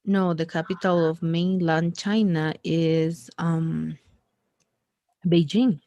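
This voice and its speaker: Here a woman tutor makes casual conversation practice in a one-on-one lesson, full of fillers and false starts. She speaks slowly in a lowish, dark voice with little pitch movement, and the recording is dry and dull.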